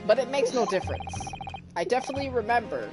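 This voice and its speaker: During a casual let's play, a woman game streamer reads game dialogue aloud with dramatic flair and breaks off for offhand asides. Her slightly high voice is sing-song and fast, with loud game music playing behind her.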